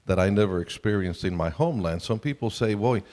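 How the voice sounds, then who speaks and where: The hall's sound system gives a reverberant quality to this Colombian man, middle-aged or older, as he delivers a conversational family seminar talk at a camp meeting. He speaks fairly quickly in a lowish, expressive voice that is a little mellow.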